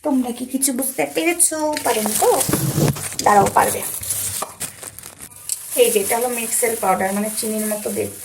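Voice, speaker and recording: A woman vlogging from her home kitchen at night, talking quietly into her phone and chatting with her viewers as friends. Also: on the high side, expressive, a little fast, pauses often, background noise. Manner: talking quietly so as not to disturb. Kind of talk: casual chat to viewers.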